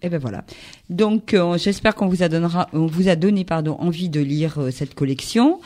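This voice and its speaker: A radio host steers an easygoing conversation about crime novels, lively and chatty. The host often jumps in to complete the other speaker's thoughts. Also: mid-range voice, moderate pace. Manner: lively, finishes the guest's sentences. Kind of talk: radio book chat.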